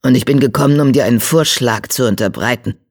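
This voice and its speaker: A narrator voicing a proud tomcat clan leader who speaks in a low, stern, defiant growl. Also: quick pace, gravelly. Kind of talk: audiobook character voice.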